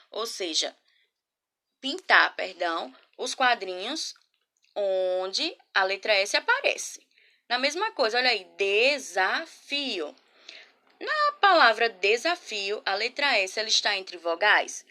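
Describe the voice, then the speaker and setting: Woman teacher, bright clear tone, patient and warm with young pupils, spells words out slow. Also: medium pitch. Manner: affectionate, asks many guiding questions. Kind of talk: remote class lesson. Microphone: laptop or phone camera.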